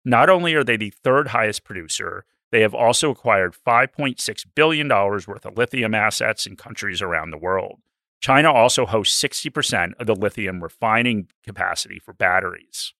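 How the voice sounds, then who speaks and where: Raspy bright-voiced man. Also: lowish voice, expressive, moderate pace, no echo. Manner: dry, joking, then explanatory with figures. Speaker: podcast co-host. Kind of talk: casual investing podcast chat.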